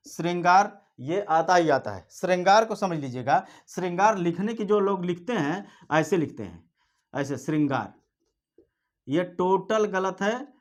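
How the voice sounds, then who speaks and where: Male teacher for exam-prep spelling class; patient, repeats each word, explains it step by step. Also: on the high side.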